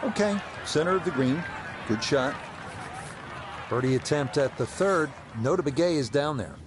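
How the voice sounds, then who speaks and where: A man playing a composed lead golf commentator, calling play in measured, brief broadcast observations. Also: on the high side, expressive, noisy background, lightly acted. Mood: measured, attentive. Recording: loud music and crowd behind.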